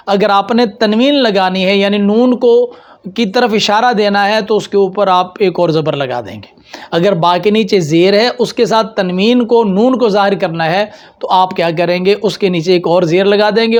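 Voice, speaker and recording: A man with a Pakistani Urdu accent giving a patient lesson on reading rules, repeating examples slowly and answering his own questions. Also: sits high. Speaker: teacher.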